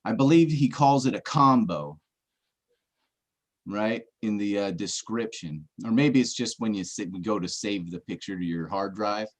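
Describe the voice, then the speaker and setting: This man speaks at normal speed with a fairly low pitch. He's a treasure-hunt searcher presenting clues on a relaxed livestream chat, working through them step by step, joking now and then and making sure his listener is following.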